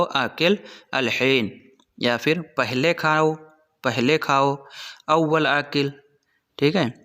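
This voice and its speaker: A man teaching spoken phrases to his channel's viewers, with a bright, forceful voice. He says each phrase slowly, repeats it several times, then drops into quicker, chatty remarks. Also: medium pitch. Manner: quick, chatty asides between drills. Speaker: Arabic teacher and channel host. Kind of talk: spoken-language lesson in Hindi.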